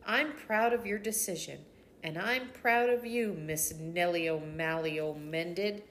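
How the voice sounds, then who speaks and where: A woman's voice: lowish voice, measured pace, slight background noise, close to an everyday voice. A grandmother voicing a kindly, smiling teacher. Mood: proud. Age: older. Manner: warm, smiling praise. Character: proud, kindly teacher, a woman.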